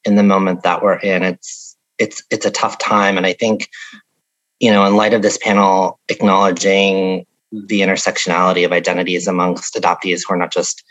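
A woman's voice: very deep voice, level tone, normal speed, low-quality recording. A woman from upstate New York speaking on a panel in a thoughtful, hesitant way with many "um"s. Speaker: panelist, advocacy director. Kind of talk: panel discussion.

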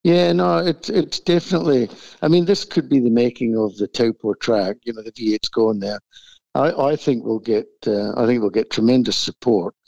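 A man with a croaky frog voice from the flu, talking in an easygoing, informal way as an interview guest. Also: medium pitch, fairly even intonation, moderate pace, darkish tone, no echo. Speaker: race track owner, interview guest. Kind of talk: casual interview. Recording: muffled, dull lo-fi sound.

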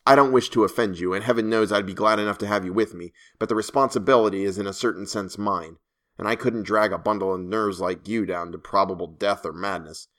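A man voicing a calm, confident, condescending explorer with a mellow voice and measured, formal delivery. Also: fairly low pitch, close to an everyday voice. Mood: composed. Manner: coolly unperturbed, measured, formal.

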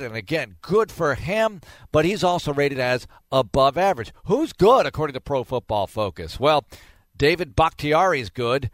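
A man's voice: fairly high pitch, no room sound. A middle-aged man hosting a sports talk show, speaking conversationally and emphatically with rhetorical questions. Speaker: sports radio host.

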